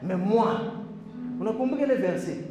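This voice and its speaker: Male preacher, high lively voice, builds to shouts, echoey hall with faint music. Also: moderate pace. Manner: animated, switches languages, builds to shouting. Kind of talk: conference sermon. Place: church hall.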